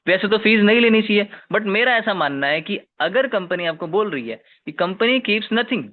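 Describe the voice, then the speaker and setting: A man's voice: high-pitched, animated, normal speed. A man presenting an investment plan, walking viewers through slides and often calling them "guys" or checking in with "okay". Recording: tinny phone-like audio.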